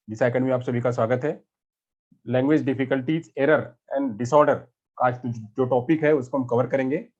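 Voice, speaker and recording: In a lo-fi, muffled recording, a male teacher delivers a classroom lecture, posing questions and answering them himself while repeating things a lot. His voice is mid-range with a darkish tone.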